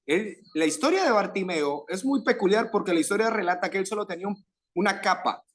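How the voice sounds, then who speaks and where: A man with a Venezuelan Spanish accent preaching a sermon to a youth group, fervent, with rising emphatic phrases and pauses. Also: sits high, animated.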